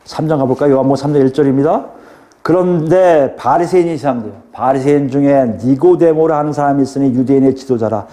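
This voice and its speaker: A man's voice: medium pitch, quick pace, few pauses, mellow. A male pastor preaching a sermon, explaining scripture and putting questions to the congregation.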